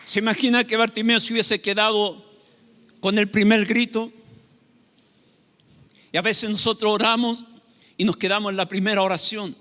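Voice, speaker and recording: A man's voice: sits high, level tone, normal speed, long pauses, sharp tone, in a large hall. A man preaching a sermon as pastor, emphatic and asking his listeners rhetorical questions.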